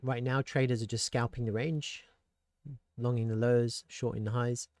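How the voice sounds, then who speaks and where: A man talks through market charts in a loose, thinking-aloud way, tossing in rhetorical questions and restarting sentences. His voice sits in an ordinary middle pitch. The recording is dry and close, with no room sound around it. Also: flat delivery, moderate pace, a little mellow, no echo. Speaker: crypto market analyst. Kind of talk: casual market commentary.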